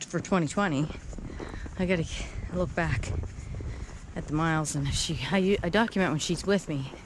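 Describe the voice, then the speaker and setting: A woman's voice: deep voice, moderate pace. A woman chatting casually and in a rambling way as she hikes, with the slight effort of trudging through snow outdoors. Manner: rambling, talks to her dog and viewers. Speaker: solo hiker vlogger. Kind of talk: casual chat while hiking. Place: outdoors on a snowy trail. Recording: noisy windy outdoor trail recording.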